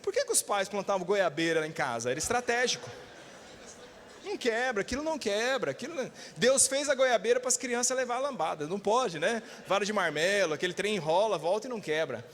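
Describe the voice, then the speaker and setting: A man's voice: high voice, lively intonation, quick pace, a bit bright. A male pastor with a Brazilian Portuguese accent preaches an emphatic sermon, calling for amens and acting out voices. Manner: emphatic, calls for amens, acts out quoted voices. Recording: reverberant church hall.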